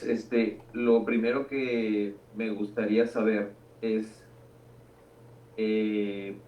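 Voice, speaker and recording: A man asks questions slowly and hesitantly, stopping often on fillers. His voice is fairly low. He sounds far from the mic in an echoey room with faint noise behind. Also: a little mellow. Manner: hesitant, many fillers and restarts. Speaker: interviewer, guest. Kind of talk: casual conversation.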